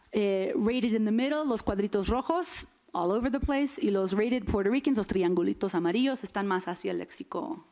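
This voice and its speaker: A woman's voice: medium pitch, darkish tone. A woman giving an academic linguistics lecture to an audience, often checking in with short tag questions. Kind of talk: academic conference talk. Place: lecture hall.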